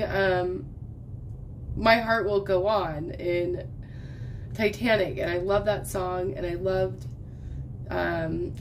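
Sitting at a craft table indoors, a woman in her thirties diamond paints and chats casually for her crafting vlog, drifting between topics. Her medium-pitched voice is still recovering from having been lost, and she coughs over a noisy background.

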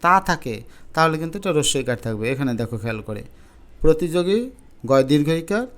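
A man's voice: on the high side, animated, a bit bright, smooth. Man teaching a spelling lesson. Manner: explains slowly, repeating each spelling step. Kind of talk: spelling lesson for exam students.

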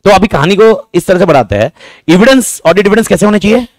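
A man teaching a class, talking fast and repeating himself, joking with his students. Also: high-pitched, animated, dry recording. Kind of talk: lively classroom lecture.

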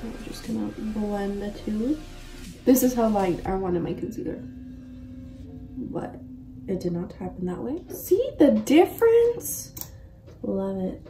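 Unhurried and steady, the woman speaks at a medium pitch with a warm tone, vocal fry, and long pauses. She's a makeup vlogger in her mid twenties, chatting casually with slang and lots of exclamations during a tutorial in a bedroom-like room at home. Faint music, a distant mic, and roomy echo fill out the recording.

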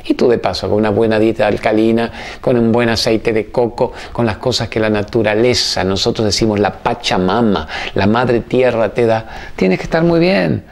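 A middle-aged man with an Argentine accent, hosting a motivational talk for a studio audience and telling stories that alternate fast bursts with slow, emphatic phrases. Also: on the low side. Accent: Argentine Spanish. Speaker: TV host.

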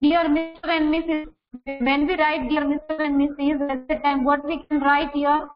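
A woman's voice: high-pitched, level tone, moderate pace, music in the background. A woman teacher with an Indian accent, mixing English and Hindi as she explains steps informally in an online computer lesson. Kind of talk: informal online lesson, step-by-step screen demonstration. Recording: dull lo-fi online class audio.

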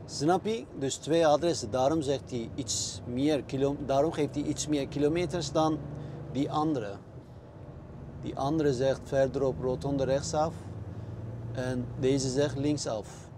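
A man's voice: mid-range voice, steady tone, a little slow, background noise. A man driving a truck, talking casually to his viewers while he figures out his route, with many hesitations and fillers. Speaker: truck driver vlogger. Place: truck cab.

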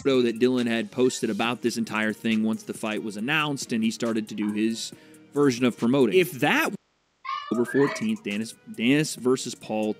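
A man's voice: medium pitch, moderate pace, soft background music. A man reading out a news story and giving his own take on it in a casual commentary. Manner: reads report text then adds own opinion.

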